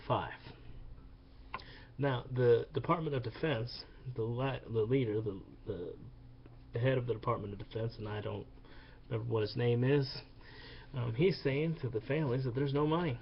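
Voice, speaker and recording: A man's voice: mid-range voice, normal speed, dull audio, slight background noise. A man angrily ranting about politics in a profane, heated monologue that repeats itself. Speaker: vlogger. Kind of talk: angry political rant.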